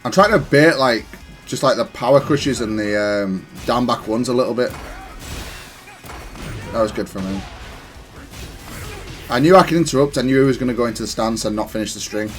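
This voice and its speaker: Reviewing his own match, a gamer talks through his choices in a relaxed, analytical way, now and then correcting himself. He speaks in a mid-range voice at a moderate pace with long pauses, and music plays in the background.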